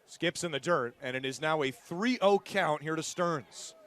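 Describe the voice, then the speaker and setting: Calling the game live, a man uses short, punchy bursts of commentary in an unhurried, fairly high and bright voice, with the outdoor ballpark crowd audible in the background.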